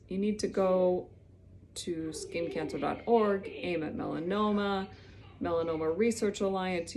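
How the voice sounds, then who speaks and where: Brief: chatty woman vlogger in her thirties, low-pitched, candid storytelling to camera. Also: a little mellow, slight background noise. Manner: chatty, candid, quotes people in little acted bits.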